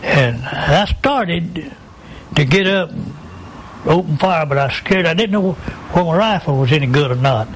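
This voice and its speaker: A man's voice: a little high, expressive, measured pace, a little hiss or hum, low-quality recording. An elderly American man, an old veteran remembering the war in plain, folksy, repetitive phrases. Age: 80s. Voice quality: creaky aged voice.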